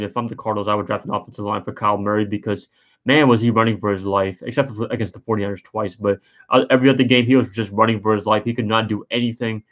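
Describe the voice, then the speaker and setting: A fairly low-pitched man talks through a casual live stream, sleepy and yawning. He rambles and hesitates, restarting his sentences and filling gaps with ums and uhs. The audio is dull and lo-fi. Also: fairly bright tone. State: tired and yawning. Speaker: sports streamer.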